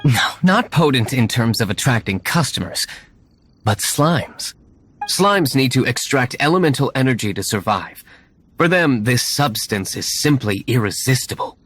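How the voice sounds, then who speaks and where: Diluc, an aloof, formal young gentleman. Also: medium pitch, animated, husky. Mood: explaining. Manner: formal, measured, terse. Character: composed, aloof young gentleman winery owner, shrewd schemer. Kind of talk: video game character acting. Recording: game music behind the voice.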